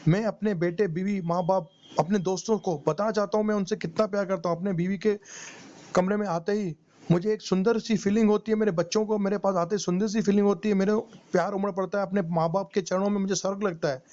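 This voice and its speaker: High-voiced man telling an emotional story. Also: steady tone, fast talker, darkish tone. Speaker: meditation teacher. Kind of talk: motivational first-person story narration. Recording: dull lo-fi recording with faint noise.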